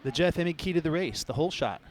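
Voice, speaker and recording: Fast-talking male race commentator. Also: fairly high pitch, animated, a little hiss or hum. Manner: quick, chatty and upbeat. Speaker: host.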